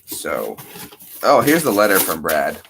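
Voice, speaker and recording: A man's voice: low voice, huge pitch swings, unhurried, vocal fry, background noise. Rambling, jokey man in his thirties. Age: 30s. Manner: rambling, jokey, self-mocking. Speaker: streamer. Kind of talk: casual livestream chat.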